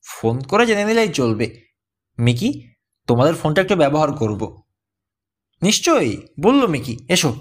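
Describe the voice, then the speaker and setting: A man narrating an adventure story, reading every character's lines in his own voice. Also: fairly high pitch. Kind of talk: scripted audiobook narration.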